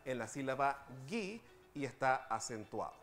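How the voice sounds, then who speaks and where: A man talks through spelling rules in a TV studio like a patient teacher. His pitch sits in the middle of the usual range, and he slows down to spell out each example. Soft music plays faintly underneath. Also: very animated. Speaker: language segment host. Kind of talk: explanatory TV segment on spelling.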